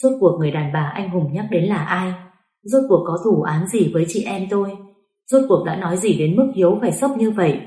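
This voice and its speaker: A woman reading a first-person story aloud as an audiobook narrator, with steady, emotional delivery. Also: fairly low pitch, a little fast. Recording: roomy echo.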